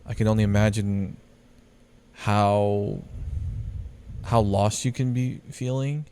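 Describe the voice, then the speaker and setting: A man speaks gently and thoughtfully on a casual podcast. His voice is low and smooth, and he hesitates often with "uh" as he picks his words. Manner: calm, measured, hesitant with "uh". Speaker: podcast co-host.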